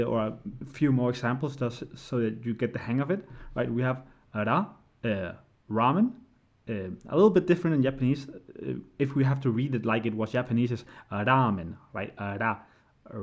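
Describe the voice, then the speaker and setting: A language tutor with a medium-pitched, darkish voice gives a casual screen-share tutorial at a fairly quick pace. He explains each step and often checks in with "right?".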